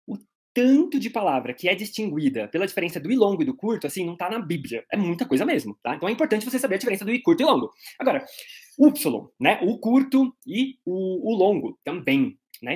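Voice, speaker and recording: A man's voice: sits high, breathy edge. A man with a Brazilian Portuguese accent teaching an English pronunciation lesson, patiently explaining and modeling vowel sounds aloud.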